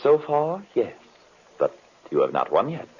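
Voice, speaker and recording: An actor playing a composed, cunning heroic magician in an old radio horror drama, with a measured, dry and formal way of talking. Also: male voice, mid-range voice, huge pitch swings, husky, heavily acted. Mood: dry, resigned. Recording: noisy muffled old radio recording.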